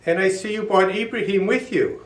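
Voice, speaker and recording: A warm, excitable old grandpa from a storybook as a man reads him. He speaks heartily and simply in a slightly high voice, off the mic in an echoey room. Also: brisk, natural voice. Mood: glad, welcoming. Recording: roomy echo, distant from mic.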